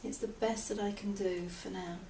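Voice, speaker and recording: A woman's voice: medium pitch, fairly even intonation, normal speed, dark tone, far from the mic. Woman client in an echoey, noisy room. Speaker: client in a tapping therapy session. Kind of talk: therapy session, repeating phrases and reflecting.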